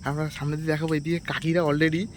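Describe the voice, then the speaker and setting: A man vlogging outdoors at night on a dark street, talking quietly into a handheld phone camera as he sneaks along. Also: on the high side, level tone, fast talker, slight background noise. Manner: speaking quietly in a hushed voice while sneaking near a house. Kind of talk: casual vlog narration.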